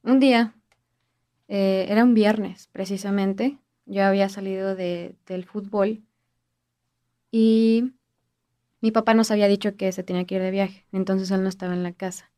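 A woman with a Mexican accent recounting a personal ghost story, speaking softly and often trailing off into a quiet voice. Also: mid-range voice, steady tone, normal speed, pauses often, no echo, studio quality. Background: music.

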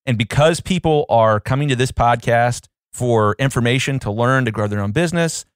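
A man's voice: medium pitch, normal speed, clean tone, dry recording, studio quality. A man co-hosting a casual podcast, playful and fond of putting on silly voices. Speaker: podcast co-host.

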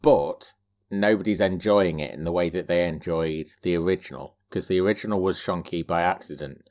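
A man's voice: sits low, fairly quick, a little mellow. A man co-hosting a casual games podcast, full of teasing banter. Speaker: podcast co-host.

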